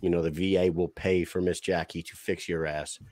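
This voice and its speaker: A man's voice: sits low, flat delivery, normal speed, a little mellow, no echo. A young man hosting a podcast, brashly reading sponsor plugs and hyping his guest in casual talk. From Boston area. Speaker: podcast host. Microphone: studio mic on arm, headphones.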